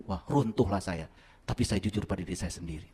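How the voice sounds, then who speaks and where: A middle-aged man preaching to a live audience, telling his own story and swinging between loud exclamations and hushed asides. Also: deep voice, quick pace, slightly rough. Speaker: Islamic teacher.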